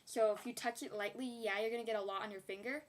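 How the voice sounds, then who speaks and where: Chatty young woman vlogger, slightly high. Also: steady tone, fast talker. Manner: chatty, rambling, giggly asides. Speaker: beauty vlogger. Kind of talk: casual haul video chat.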